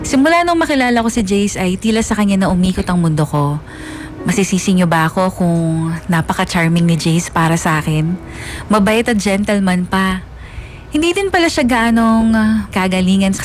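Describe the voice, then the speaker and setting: For a radio drama, a woman lightly acts the part of a lovestruck young woman confiding about her high school crush in a girlish tone.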